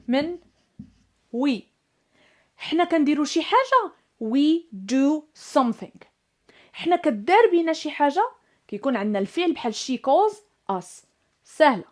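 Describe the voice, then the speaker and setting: A woman with a Moroccan Arabic accent teaching English grammar, explaining in Moroccan Arabic and slowing right down to stress each example sentence. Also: high voice.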